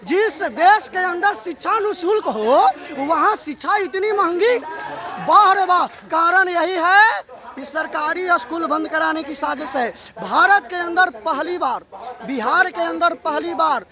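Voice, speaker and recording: A man's voice: very high voice, lively intonation, a little slow, a crowd in the background. A man protesting to the press, speaking in a fiery, accusing, declamatory way.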